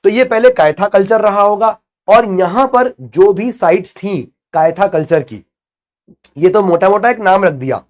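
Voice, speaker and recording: A man's voice: high-pitched, moderate pace. A man teaching an online exam-prep history class in a chatty way, asking and answering his own questions and mixing in English terms. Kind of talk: online lecture.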